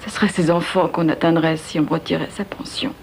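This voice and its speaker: A woman dubbing a grieving police officer's widow in a French TV cop drama, speaking softly. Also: deep voice, fairly even intonation, a little fast, creaky, a little hiss or hum, low-quality recording. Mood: sorrowful. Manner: soft, sorrowful.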